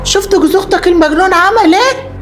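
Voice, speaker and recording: A woman's voice: extremely high pitch, fast talker. A middle-aged woman with an Egyptian accent playing a worried, protective mother who pleads and repeats herself in a melodramatic short film. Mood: upset. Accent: Egyptian Arabic. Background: background music.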